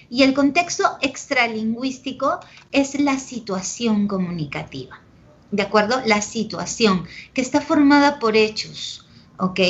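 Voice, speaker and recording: Woman teacher, Peruvian Spanish accent, fairly high voice, dull lo-fi sound, keeps asking "¿ok?". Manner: explains with examples, constantly checks in with "¿ok?" and "¿de acuerdo?"; affectionate with students. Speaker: pre-university language teacher. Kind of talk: online class lecture. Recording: dull lo-fi audio.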